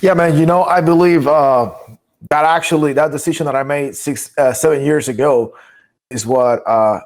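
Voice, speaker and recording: A man's voice: a little high, steady tone, moderate pace. A young man from Guatemala, a podcast guest, chatting casually, often laughing and repeating words as he starts sentences. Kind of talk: casual chat.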